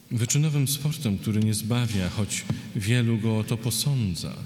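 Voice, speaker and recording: A man giving a poetry reading, slow and deliberate, with hesitant fillers between his remarks. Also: mid-range voice, darkish tone. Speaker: poet reading his poems. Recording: roomy hall with long reverb.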